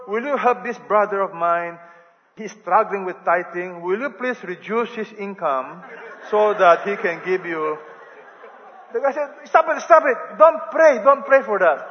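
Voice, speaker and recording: A man with a Filipino accent preaching a sermon to a congregation, animated and rising loud on key phrases. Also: sits high. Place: large church hall. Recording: dull sound, long hall reverb.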